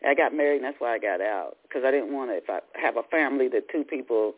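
A woman hosting a radio interview, talking in a halting way and often repeating her words. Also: rumbling low, husky. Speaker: radio show host. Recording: tinny phone-like radio sound.

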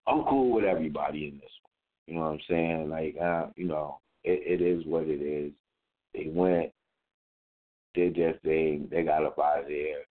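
A man hosting a radio show, talking in a laid-back, slangy way. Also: extremely low pitch. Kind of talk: casual radio talk. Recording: narrow phone-like sound.

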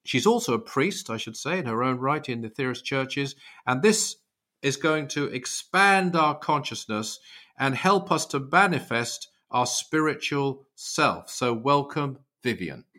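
Guy hosting a show doing a guest intro, bright forward voice, medium pitch. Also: expressive, unhurried. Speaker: show host.

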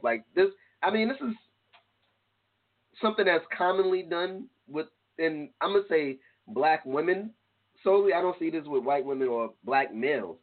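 A man co-hosting a casual talk show, animated and profane, often laughing and breaking into shouts. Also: fairly high pitch. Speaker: podcast co-host. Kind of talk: casual chat show banter. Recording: tinny phone-like line.

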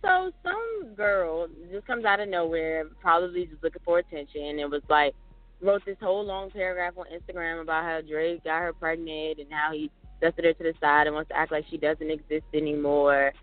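A man co-hosts a casual podcast, rambling along with lots of fillers in a slightly high voice at normal speed. The recording is dry and tinny, like a phone, with no echo.

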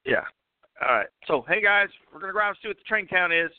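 A man's voice: high voice, lively intonation, no echo. Chatty man hosting over a phone line. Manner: chatty, halting, many fillers and restarts. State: coughing, clearing throat. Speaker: host. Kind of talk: casual live call-in show, roving outdoors. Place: outdoors at a railway depot event. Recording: tinny phone line, dry.

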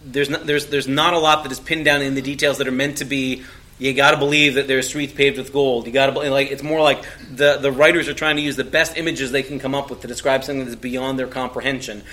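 Bright-voiced man talking theology. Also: medium pitch. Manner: discursive, rephrases as he goes. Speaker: podcast panelist. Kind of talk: conversational theological discussion.

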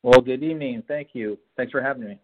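A man's voice: mid-range voice, fast talker. Man, club owner guest, explanatory, restarts sentences, phone-line sound. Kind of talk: casual interview chat.

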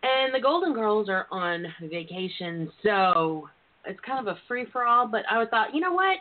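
A woman hosting a bawdy, casual radio talk show in a frank, profane, effusive way, with drawn-out greetings and terms of endearment. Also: on the high side. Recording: phone-like, narrow-band internet radio line.

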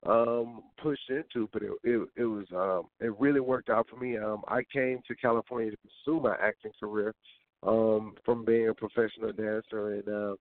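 A man from Georgia with a Southern US accent, talking casually as an interview guest in a halting, reflective, folksy way. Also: on the low side, steady tone, dry recording. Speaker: interview guest, boxer and former dancer. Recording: tinny, dry phone-like radio sound.

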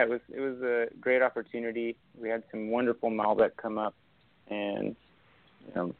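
Man, young, from Argentina, gravelly, rambling casual talk, dry phone-like audio. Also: on the low side, no echo. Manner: relaxed, rambling with many fillers and restarts. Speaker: winemaker guest. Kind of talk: casual interview chat. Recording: tinny phone-like line, dry.

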